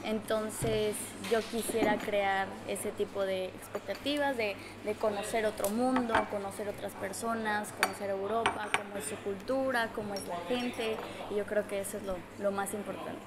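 A woman's voice: medium pitch, steady tone, normal speed, hardly any pauses. A young woman with a Mexican Spanish accent, a native Spanish speaker, chatting in an interview as an exchange student. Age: young adult. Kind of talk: casual interview in Spanish with some attempts at Portuguese. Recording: busy chatter of people behind. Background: crowd chatter.

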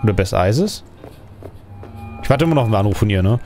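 A man narrates his own video game session in a loose, thinking-aloud way. He wanders between thoughts and often ends with a questioning tag. Quiet game music plays faintly behind his voice. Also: fairly low pitch, lively intonation, fast. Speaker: let's play gamer. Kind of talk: casual gameplay commentary.

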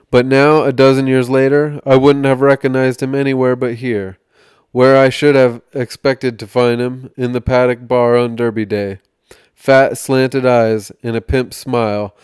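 Male podcast reader, steady and measured, smooth tone, dry close sound. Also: medium pitch, no room sound. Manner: measured reading with small slips and restarts. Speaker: podcast host reading aloud. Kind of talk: reading an article aloud.

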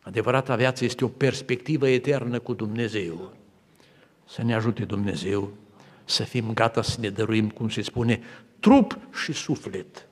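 In a reverberant large church hall, a preacher from Romania addresses his congregation in a slightly mellow voice on the low side. His sermon moves through stories and acted quotations toward fervent appeals.

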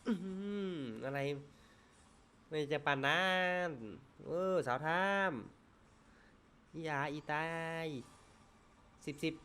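A man giving excitable, profane live commentary on a slot game stream. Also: fairly high pitch, drawn-out words, long pauses, smooth. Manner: excitable, swears often, shouts at spins.

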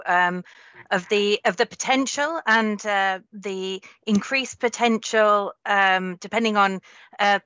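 A woman moderates an online panel with a bright, crisp voice, pausing often with fillers. The sound is dry and a little dull, as on a video call. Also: mid-range voice, no room sound. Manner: hesitant, filler-laden. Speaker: panel moderator, trade unionist.

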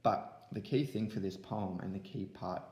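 A man's voice: sits low, moderate pace, a little mellow, reverberant. A young man teaching an online lesson to young pupils from home, explaining step by step into a laptop webcam. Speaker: primary school teacher. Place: room at home.

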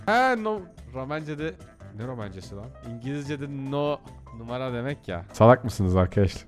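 Male let's-play host, excitable and joking, lively voice over game music. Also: medium pitch. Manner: excitable, jokey, shouts at the game. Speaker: gaming YouTuber.

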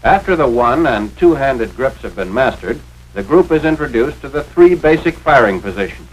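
An expressive American man with a mid-range voice, speaking at a moderate pace, narrates a scripted 1940s instructional film. His tone is authoritative and carefully enunciated, like a teacher going step by step, over a noisy, radio-like soundtrack.

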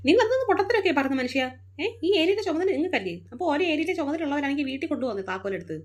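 A woman voicing an anxious, fussing mother in a cartoon, shrill and scolding. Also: lively intonation, racing. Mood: frantic. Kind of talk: cartoon voice acting.

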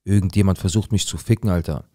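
A young man acting out a rough-talking, paranoid drug dealer who tells his own story in a dramatic monologue full of slang and swearing. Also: low-pitched, fairly even intonation, quick pace, mellow, dry recording, studio quality. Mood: tense. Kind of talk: dramatic first-person monologue.

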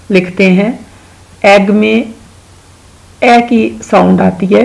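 In a poorly recorded home-school lesson, a woman with a Pakistani accent teaches children about English vowels. Her medium-pitched voice is gravelly, and she speaks slowly and patiently, stretching out the sounds of every example word so they're clear.

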